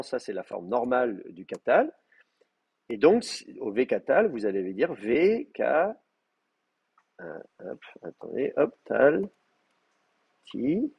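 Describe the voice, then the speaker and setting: A man's voice: mid-range voice, very animated, unhurried, vocal fry, long pauses, slightly rough, dry recording, highs cut off. A man giving a live university classroom lecture, explaining with hesitant, stop-start delivery and frequent restarts. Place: classroom with in-person and remote students.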